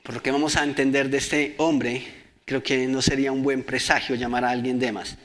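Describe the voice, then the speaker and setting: A man's voice: mid-range voice, flat delivery, moderate pace, a bit bright. A man preaching a sermon, reading scripture aloud and asking the congregation questions.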